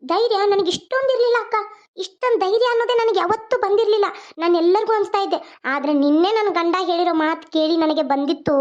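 A woman's voice: extremely high pitch, a little mellow. Woman voicing a fiery young cartoon heroine. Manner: scolding, accusing, firm. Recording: dull lo-fi.

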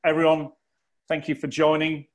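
A man with a Geordie accent wrapping up a business webinar as host, talking in a halting way with many fillers and restarts. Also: a little high, completely flat delivery. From North East England. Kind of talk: corporate webinar wrap-up.

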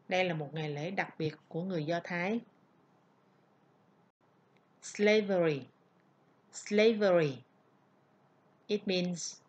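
Vietnamese lady teacher, says each english word twice real slow, online class vibe. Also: fairly low pitch, dull audio. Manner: slow, careful model pronunciation, repeating each word. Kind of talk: online vocabulary lesson.

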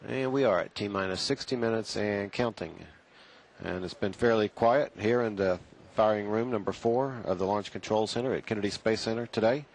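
A man's voice: fairly low pitch, moderate pace. A man giving live commentary on a launch from a control room.

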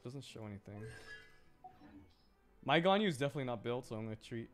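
On a game livestream, a male streamer chats casually and fast, rambling and repeating his words as he reacts to viewers. His voice is medium-pitched with lively intonation, and faint music plays behind him.

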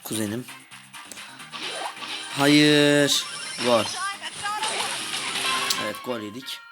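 Excitable young man commentating his gameplay. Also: mid-range voice, extremely slow. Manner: excitable, shouts and groans at the game. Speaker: gaming video host. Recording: game music playing behind.

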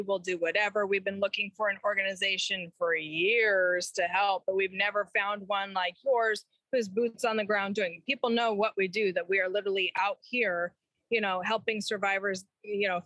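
A woman's voice: mid-range voice, fairly bright tone, no room sound, poor audio. A middle-aged woman, a ministry leader and interview guest, speaking with passion, frustration and emphasis. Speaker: anti-trafficking ministry leader.

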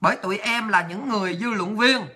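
A woman's voice: medium pitch, a little fast, bright, forceful tone, close to an everyday voice. A woman voicing a mocking pro-government online troll who taunts the host. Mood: taunting. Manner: taunting, sneering.

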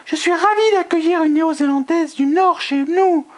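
A man voicing an effusive, gracious woman in her fifties, a society hostess, in a high falsetto. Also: moderate pace. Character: gracious fiftyish hostess, former model, effusive.

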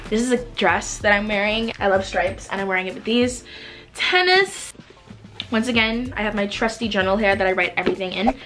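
A young woman from the Bahamas, vlogging to camera from her bedroom in a casual, animated way. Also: mid-range voice. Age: young adult. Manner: animated, expressive, gestures a lot while talking. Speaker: vlogger and singer-songwriter. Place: bedroom with desk and shelves, indoors.

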